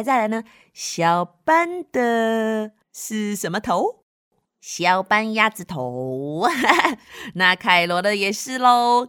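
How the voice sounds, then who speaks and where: A woman reading a picture book aloud to children in an animated, playful way, asking them questions and making sound effects. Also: on the high side, smooth. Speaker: children's storyteller.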